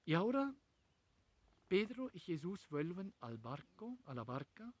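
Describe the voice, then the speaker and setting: Slow, animated male pastor preaching. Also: sits high, husky, dry recording. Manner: speaks in short, measured phrases with frequent pauses; retells the story vividly, asking rhetorical questions. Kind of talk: sermon.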